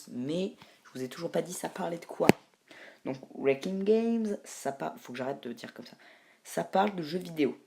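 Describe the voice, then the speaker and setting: Low, dark-voiced woman chatting casually. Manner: chatty, rambling with many fillers. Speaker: YouTube host. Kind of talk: casual homemade video commentary.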